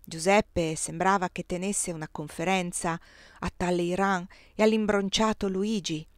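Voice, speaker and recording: A woman narrating a novel in the first person, steady and expressive. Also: on the low side, measured pace, no room sound, studio quality. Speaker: audiobook reader.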